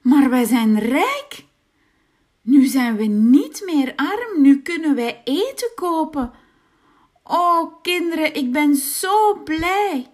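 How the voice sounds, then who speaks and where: A woman's voice: lively intonation, slow. Woman doing a gushing old woodcutter father. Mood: overjoyed. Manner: gushing and high. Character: poor woodcutter father, overjoyed.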